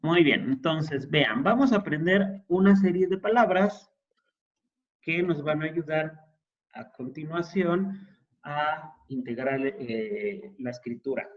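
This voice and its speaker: Slow-spoken male Hebrew teacher. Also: a little high, animated, dull audio. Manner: patient, explanatory, checks in with students. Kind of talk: classroom lesson.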